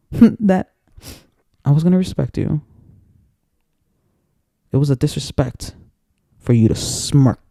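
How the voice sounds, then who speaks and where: A man rants angrily to camera with a gravelly voice that swings widely in pitch. His tone is dark and mellow, and he rambles and repeats himself as he gets worked up. The room sounds dry and close. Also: dry recording. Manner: angry, profane, rambling and repetitive. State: emotionally worked up. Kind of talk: personal rant to camera.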